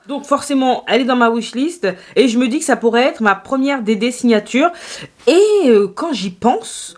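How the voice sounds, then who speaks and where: A woman chatting through a makeup haul video, playful and self-mocking, talking straight to her viewers. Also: a little high. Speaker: beauty YouTuber.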